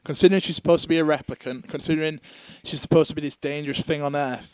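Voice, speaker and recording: A man's voice: on the high side, fairly even intonation, very fast, a little mellow, smooth, no echo, rough recording. A man co-hosting a casual podcast chat, rambling and swearing casually. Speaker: podcast co-host.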